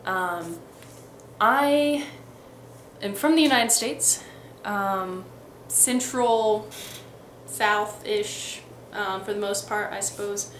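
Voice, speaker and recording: Drawing out her words in a fairly bright, mid-range voice, a young woman with a light Midwestern accent chats on webcam for a casual accent tag vlog. She is a young adult from Texas and Missouri, US, rambling with many ums and restarts. The setting is a roomy bedroom indoors, carrying a faint ambient hiss.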